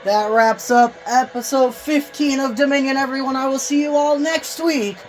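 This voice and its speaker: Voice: high voice, fairly even intonation, moderate pace, soft background music. A wrestling commentator hosting a show, giving play-by-play of moves and counts in terse, short phrases.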